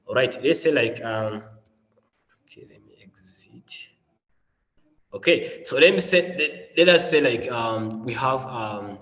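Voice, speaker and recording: In an online teaching session, a man with a mild flu presents a learning module over a video call, sounding upbeat but using many fillers and repeating phrases. His voice is on the low side, and the low-quality recording has a long reverb tail.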